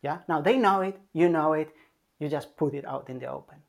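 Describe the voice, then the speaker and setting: Calm parenting coach who keeps asking "yeah?". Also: mid-range voice, a little fast, creaky. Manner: calm and emphatic, checks in with a frequent "yeah?"; repeats key points for emphasis. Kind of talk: advice talk to parents.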